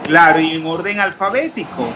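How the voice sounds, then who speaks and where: A man's voice: a little high, animated, normal speed, noisy background. A man teaching a chemistry class, asking his students questions and spelling out formulas step by step. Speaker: chemistry lecturer. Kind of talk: online class lecture.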